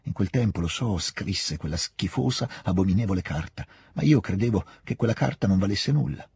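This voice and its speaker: A man's voice: low voice, expressive, a little fast, vocal fry, darkish tone, husky, no echo, exaggerated voice. A man voicing a bitter, spiteful young princess. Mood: indignant. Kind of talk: audiobook reading.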